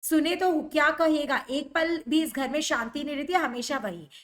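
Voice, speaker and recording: Woman voicing a stern irritated father, sharp and scolding. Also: sits high, normal speed, lightly acted.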